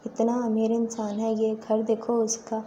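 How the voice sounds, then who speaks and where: Gossipy young friend, chatty, storybook tale, read by a woman, somewhat high, flat. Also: muffled recording, a little hiss or hum, natural voice. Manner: gossipy, impressed.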